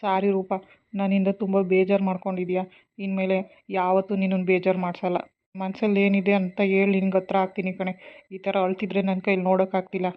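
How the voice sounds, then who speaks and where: A woman voicing a remorseful young husband who apologizes softly to his wife, on a dull, tinny recording. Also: medium pitch, monotone, fairly quick, voice pushed down, lightly acted. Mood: apologetic. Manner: soft, pleading apology.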